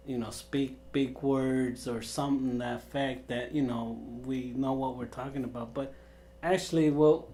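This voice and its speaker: A man of middle pitch talks casually on a podcast, joking one moment and earnest the next. He throws in Spanish exclamations, with a faint hum in the background. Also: dark tone. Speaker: podcast co-host.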